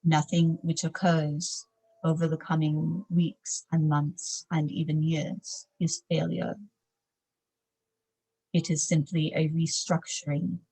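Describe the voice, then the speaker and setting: A woman speaking as a trance medium, in formal, solemn, measured phrases, as if a spirit guide were advising a client. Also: deep voice, a little mellow, rough recording. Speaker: trance channeler, seance medium.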